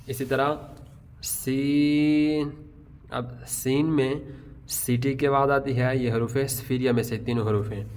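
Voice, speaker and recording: A man with a Pakistani Urdu accent teaching a tajweed lesson, stretching out each letter name slowly, then explaining in quick bursts. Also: mid-range voice, flat delivery. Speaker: Quran recitation teacher.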